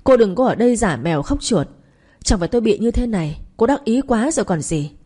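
A woman's voice: on the high side, expressive, a little fast, warm tone, breathy edge. A woman voicing a proud young wife, tearful and bitter at being wronged.

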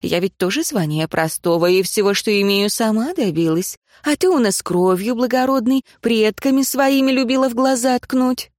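A woman's voice: fairly high pitch, moderate pace, hardly any pauses, darkish tone, no echo, natural voice. Lady reading a shrewd old village auntie, folksy homey talk, dry close sound. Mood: chiding. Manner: folksy speech with homely diminutives. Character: homely folksy older village woman, shrewd.

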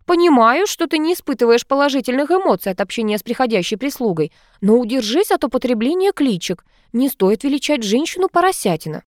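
A stern, proper matriarch, read by a woman narrator in an audiobook, who speaks formally and scolds politely. The voice is high and animated. The recording is dry. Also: a little fast, hardly any pauses, dry recording. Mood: reproving. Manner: formal, reproving. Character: stern, proper older mother of the house.

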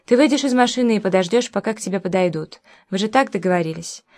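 A woman's voice: mid-range voice, animated, fast talker, a little mellow, natural voice. A blunt, tough grown man who speaks in short, commanding sentences, as a woman reads him. The lines come from an audiobook reading in the narrator's own voice. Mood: firm. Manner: curt and commanding. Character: blunt, tough adult man, protective friend.

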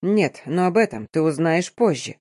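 Woman doing a weary gentle father. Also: expressive, dry recording, studio quality. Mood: weary tender. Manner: low, soft and slow, tired. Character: weary gentle middle-aged father, tender but firm.

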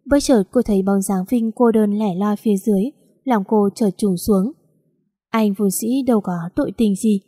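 A woman reading a dramatic romance story aloud as a narrator, in a steady, dramatic manner. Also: medium pitch, normal speed, husky, dry recording, studio quality.

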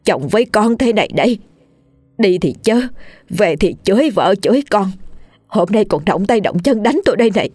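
A woman's voice: lowish voice, lively intonation, normal speed, pauses often, darkish tone, breathy edge, dry recording, studio quality. A woman voicing a devout middle-aged wife, scolding and wailing her complaints.

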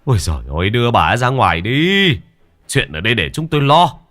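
A man's voice: mid-range voice, very animated, brisk, a bit bright, pitched above the performer's own voice. A man voicing an angry elderly village man who scolds and demands answers. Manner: indignant, scolding.

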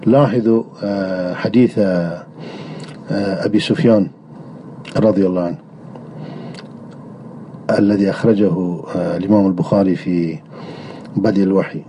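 A man delivering a religious lecture on creed in a measured way, often pausing on drawn-out hesitation sounds. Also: low-pitched, steady tone, dark tone, a little hiss or hum. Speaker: religious teacher. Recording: dull lo-fi recording.

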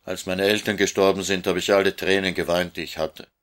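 A man's voice: low voice, flat delivery, a little fast, a bit bright, clear, resonant tone. A man voicing a lonely orphan boy in a storybook reading, insistent and guarded. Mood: earnest. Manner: insistent, repeating his demands.

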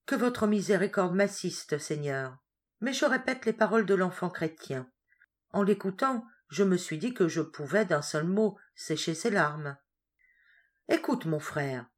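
A woman voicing a weak, gentle boy who speaks faintly and humbly in a storybook reading. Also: on the low side, lively intonation, a little slow. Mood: humble.

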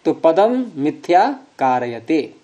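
A man teaching a grammar class, explaining rules patiently, quizzing students with questions and teasing them gently. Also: fairly high pitch, big pitch swings, slow, lo-fi sound.

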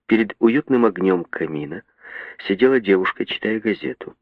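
Gravelly deep-voiced male audiobook narrator. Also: moderate pace, no echo. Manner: expressive dramatic reading. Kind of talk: audiobook reading. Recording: dry tinny phone-like sound.

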